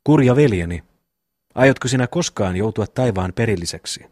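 Pious tearful farm brother, man reading, low husky voice, slowish. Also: lively intonation, darkish tone, dry recording. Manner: pleading, pious tone. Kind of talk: audiobook reading of a classic novel.

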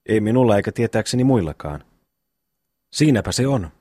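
A man's voice: on the low side, animated, mellow, no echo, clean studio sound. A man voicing a plain-spoken, simple-minded peasant brother in an audiobook. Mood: earnest.

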